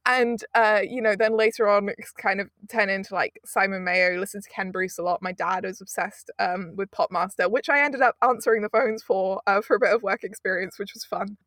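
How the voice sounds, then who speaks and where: A UK woman in her twenties, an audio producer appearing as an interview guest, chats casually and rambles with frequent laughter. Her mid-range voice is steady and a bit bright, and she talks briskly with few pauses, recorded with no echo.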